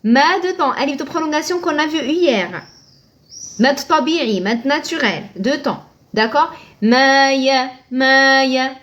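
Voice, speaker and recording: High-voiced woman teaching. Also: expressive, unhurried. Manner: patient, asks and answers her own questions, thanks viewers by name. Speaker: Arabic reading teacher. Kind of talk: live online lesson.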